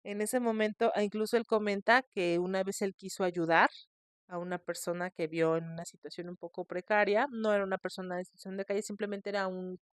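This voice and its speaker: A woman hosting a podcast, telling a scary case in a chatty, expressive way. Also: medium pitch, a little fast, no echo, clean studio sound. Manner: chatty, expressive, shrieks in mock fright. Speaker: podcast host. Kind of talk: casual storytelling.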